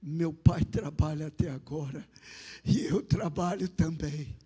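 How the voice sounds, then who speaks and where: A man with a Brazilian accent voicing a calm, gentle divine male voice in a vision, speaking slowly and softly. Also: fairly high pitch, husky, voice pushed down. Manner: slow, calm and soft.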